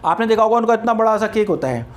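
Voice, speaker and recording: A man teaching grammar in a classroom-style lecture, explaining slowly, repeating words and spelling them letter by letter. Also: high voice, animated.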